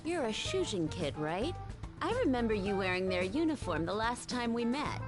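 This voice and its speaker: Woman voicing a flirty tipsy journalist, video game, very lively intonation, shrewd, casual, coaxing. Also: mid-range voice, moderate pace, natural voice. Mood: coaxing, businesslike. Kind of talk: video game dialogue acting. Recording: background music under dialogue.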